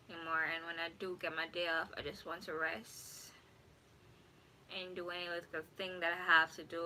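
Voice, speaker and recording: This young woman from Jamaica is a YouTuber doing her first live stream at home, talking in a loose, rambling, relaxed manner and fixing her own words along the way. She speaks with a fairly low pitch. Recorded on a phone, the audio is low quality, with a little hiss or hum and faint ambient sound behind her.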